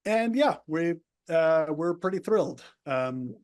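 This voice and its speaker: A native Spanish speaker from the El Paso border area in the United States tells his life story as a guest in a rambling, casual interview full of restarts. His voice is a little high with a darkish tone and lively intonation, and he speaks slowly.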